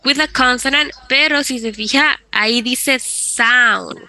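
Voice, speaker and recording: A woman teaches an English class in Spanish, patiently walking through grammar rules step by step and moving between the two languages. Her voice sits high, with a sharp tone and a measured pace.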